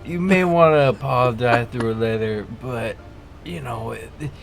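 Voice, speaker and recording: A man playing a tabletop game, chatting casually in character with a halting, stammering delivery. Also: medium pitch, gravelly, soft background music. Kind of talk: casual in-character improvised chat.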